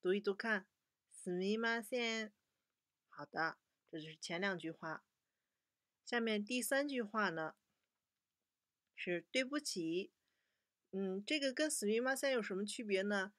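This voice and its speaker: A young woman teaching a children's language lesson, patiently slowing down to model each word for repetition. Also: mid-range voice, animated, a bit bright, no room sound, clean studio sound.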